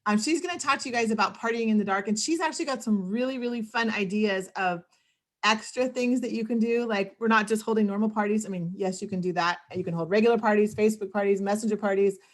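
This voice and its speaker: A woman's voice: medium pitch, quick pace. A woman hosts a team meeting over a video call in an upbeat, casual way, often tagging her sentences with a question. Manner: upbeat and casual, tags lines with "right?".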